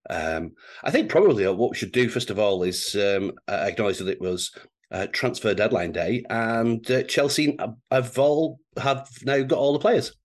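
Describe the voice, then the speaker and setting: A man's voice: mid-range voice, animated, moderate pace. A man co-hosting a casual football podcast, wheezy and congested from flu, speaking hesitantly with frequent stammered restarts. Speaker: podcast co-host.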